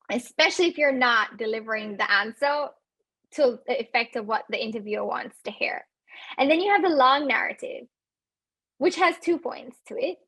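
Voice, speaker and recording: A woman in her thirties with an accent gives animated webinar coaching, laughing easily and talking straight to her audience. Her voice sits fairly high and sounds a little husky. The recording is dry and close. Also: no echo. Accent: non-native English accent. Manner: animated, laughs often, speaks directly to listeners. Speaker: webinar speaker on residency interviews.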